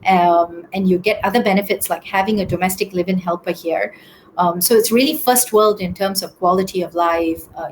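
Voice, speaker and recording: A woman, answering questions in a business webinar over a video call, with many pauses and restarts. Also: mid-range voice, slight background noise, low-quality recording. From Singapore. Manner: hesitant, many ums and restarts.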